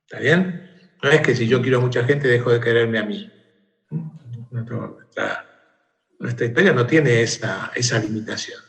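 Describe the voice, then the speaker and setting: At normal speed and medium pitch, a man appears as an interview guest and tells a story conversationally. He's animated, acting out the shouted calls of its characters.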